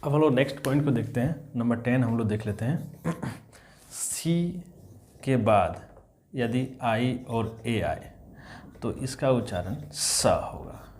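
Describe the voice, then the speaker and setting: A man's voice: medium pitch, unhurried, a little mellow, a little hiss or hum. Male teacher spelling out words. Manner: repeats each rule, spells words out letter by letter; addresses students as children, checks in with "is that clear". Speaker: English teacher. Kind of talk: spelling and pronunciation lesson.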